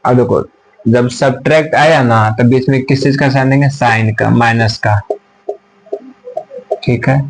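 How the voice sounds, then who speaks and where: A male teacher explains rules step by step at a whiteboard. He keeps repeating himself, asks the class questions, and answers them himself. His voice sits at an ordinary middle pitch and now and then drifts farther off as he turns to the board. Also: fairly even intonation, unhurried, vocal fry, pauses often, low-quality recording.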